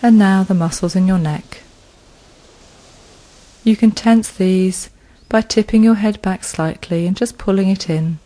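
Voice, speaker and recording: Slow, soothing woman guiding relaxation. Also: medium pitch, dark tone. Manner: slow, soothing, with long pauses. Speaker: relaxation guide. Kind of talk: guided progressive muscle relaxation.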